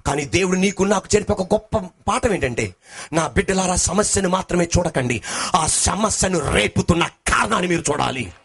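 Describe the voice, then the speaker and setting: A male pastor preaching a sermon, swinging between shouted sing-song lines and lower talk, calling the congregation to answer back. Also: lively intonation, normal speed, vocal fry, slightly rough.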